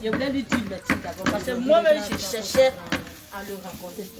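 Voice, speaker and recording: A woman giving an emotional, halting church testimony. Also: on the high side, animated. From Ivory Coast. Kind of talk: spoken testimony. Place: church gathering. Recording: loud crowd and noise.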